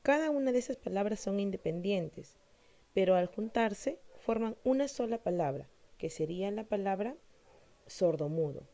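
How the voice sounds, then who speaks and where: Woman teacher with a warm, mellow voice. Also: medium pitch, lively intonation. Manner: slow, deliberate, asks pupils questions then answers. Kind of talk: explaining a Spanish grammar lesson to students.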